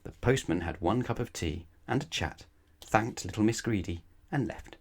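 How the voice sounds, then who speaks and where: Reading a children's bedtime story, a man addresses the young listener directly, posing rhetorical questions and lingering on key words in a playful, emphatic style. His fairly low voice is animated.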